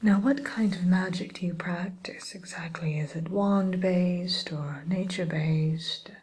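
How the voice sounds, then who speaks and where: A woman voicing a sly, sweetly courteous wicked witch tutor in a hushed, musing ASMR roleplay. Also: lowish voice, steady tone, natural voice. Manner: hushed, unhurried, hesitant musing, faux-genteel.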